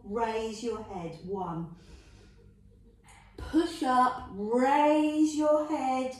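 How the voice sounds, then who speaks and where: A middle-aged woman with a London accent runs a Pilates workout in a slightly high, slightly mellow voice. Counting reps, cheering the viewer and adding jokey remarks, she sounds far off in an echoey room.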